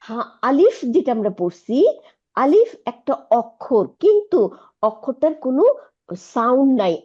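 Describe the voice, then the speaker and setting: A woman's voice: sits high, sing-song, unhurried, a little mellow, highs cut off. A woman teaching an Arabic lesson, patiently explaining and asking her students checking questions. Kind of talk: online Quranic Arabic lesson.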